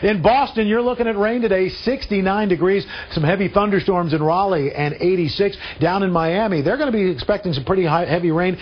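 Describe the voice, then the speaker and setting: A man's voice: high voice, brisk, hardly any pauses, slightly rough. A man hosting a morning TV show, teasing his co-hosts and reading the weather in a playful, joking way. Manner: playful, teasing, laughs often. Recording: dull lo-fi TV broadcast audio.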